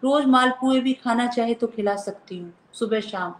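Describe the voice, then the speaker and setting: A woman's voice: a little high, normal speed, natural voice. A woman voicing a young woman who is like an elder sister, stern yet loving, in a spoken story. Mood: tender. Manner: scolding then tender, heartfelt. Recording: roomy echo.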